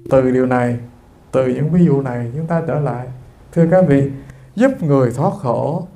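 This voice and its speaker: A man's voice: mid-range voice, moderate pace, vocal fry, mellow. A man giving a Buddhist sermon, talking straight to his listeners in an earnest, storytelling way. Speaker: Buddhist monk giving a dharma talk.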